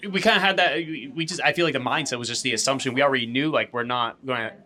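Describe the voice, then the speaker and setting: A young man from Massachusetts hosts the podcast, talking fast with a bright, forceful tone. He is animated, jumps in with quick interjections and thinks out loud in loose, casual sentences. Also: mid-range voice. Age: 20s. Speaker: podcast host.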